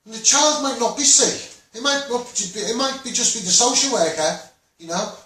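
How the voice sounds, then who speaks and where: Animated and sharp-toned, with a very high voice at normal speed, a Scouse children's rights campaigner rants bluntly and passionately to people watching online, often saying the same things again. The room is very echoey and he's far from the mic.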